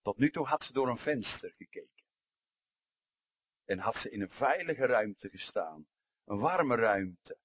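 A man delivers a sermon with a husky, slightly breathy voice. He tells stories, sinks into quiet passages and climbs into forceful emphasis. The recording is dry and muffled, with a dull lo-fi sound. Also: medium pitch, sing-song, measured pace, pauses often, no room sound. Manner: storytelling, swings from hushed to emphatic. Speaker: preacher.

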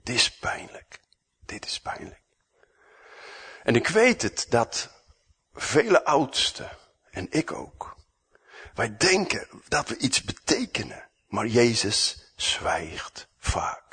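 Man preaching, husky voice, slow dramatic delivery, lively pitch. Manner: dramatic, swings from loud to hushed, acts out dialogue. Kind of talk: sermon.

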